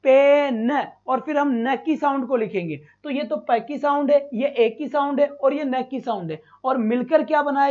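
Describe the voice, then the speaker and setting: A male teacher runs a live online exam-prep class, calling students "beta" and repeating sounds slowly. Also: very high-pitched. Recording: dull lo-fi stream.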